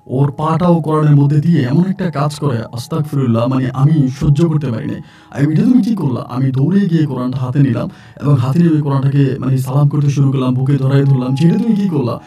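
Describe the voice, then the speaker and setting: A man's voice: mid-range voice, a little fast, warm tone, distant mic. A man from Sylhet, telling his own true-life story in an earnest, rambling way full of fillers and repeats. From Sylhet, Bangladesh.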